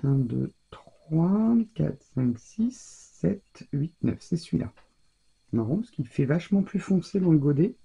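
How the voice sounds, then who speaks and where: A woman talks her viewers through her scrapbooking in loose, casual commentary. Her voice is gravelly and husky with a dark, mellow tone. She thinks aloud as she works. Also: deep voice, expressive, measured pace, lo-fi sound. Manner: chatty, thinking aloud while working. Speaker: scrapbooking crafter.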